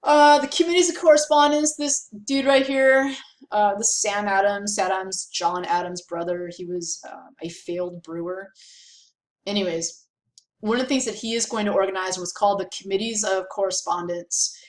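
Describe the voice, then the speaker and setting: Woman history teacher, casual and animated, mid pitch, roomy echo. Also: normal speed. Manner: chatty, animated, lots of fillers. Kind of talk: casual classroom lecture.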